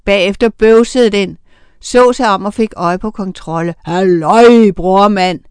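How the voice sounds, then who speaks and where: A woman narrating a children's storybook in a lively, expressive reading voice. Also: medium pitch, clean tone, no echo.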